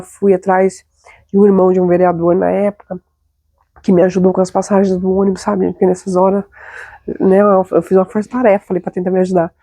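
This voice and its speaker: A young adult Brazilian woman hosts her own show, telling a personal story in a confiding way and checking in with her listeners often. She talks quickly, and her voice is mellow and gravelly. The sound is dry and close. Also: medium pitch, no room sound. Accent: Brazilian Portuguese. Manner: chatty, confiding, frequent tag questions. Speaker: host.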